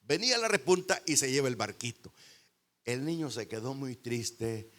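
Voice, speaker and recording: A man preaches a sermon in a church through a handheld microphone. His voice sits at a middle pitch and moves from calm explanation to sudden loud emphasis, with deliberate pauses between phrases. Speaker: pastor.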